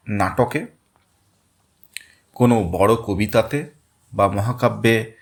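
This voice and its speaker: A man teaching a literature lesson, explaining step by step and repeating words to show where the stress falls. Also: mid-range voice. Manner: reads English quotations very slowly. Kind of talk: Bengali-language literature lesson.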